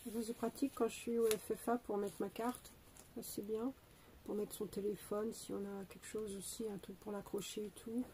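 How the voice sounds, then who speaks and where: Her medium-pitched, mellow voice stays fairly flat and moves at a moderate pace as this young vlogger, stuffed up with a cold, casually unboxes beauty products from an advent calendar. She hesitates constantly with fillers and restarts, and the low-quality recording carries slight background noise.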